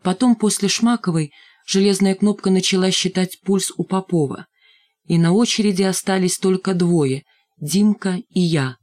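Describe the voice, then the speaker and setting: A woman narrating a children's story in a first-person, measured, storytelling manner. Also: fairly low pitch, a little mellow. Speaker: audiobook reader. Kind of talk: scripted narration.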